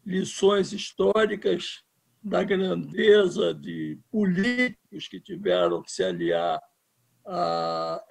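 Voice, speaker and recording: A man's voice: high voice, gravelly, darkish tone, slightly rough. A man in his seventies from Brazil, a filmmaker speaking in an interview with impassioned, emphatic talk. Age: 70s. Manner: impassioned, emphatic, restarts words. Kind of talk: political interview.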